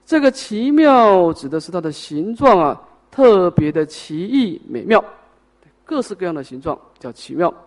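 High-voiced man giving a sutra lecture. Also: sing-song, normal speed. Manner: explains step by step, asks and answers own questions, trailing particles. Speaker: Buddhist teacher.

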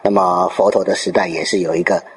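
A man giving a Buddhist dharma talk, telling a Zen story with lively storytelling and rhetorical questions to his listeners. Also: sits low, fairly quick. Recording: long reverb in a hall.

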